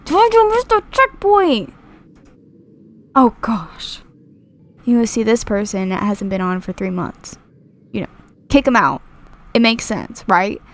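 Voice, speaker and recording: A young woman chatting casually over gameplay, rambling with many fillers and restarts, reading viewer comments aloud. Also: mid-range voice. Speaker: gaming YouTuber.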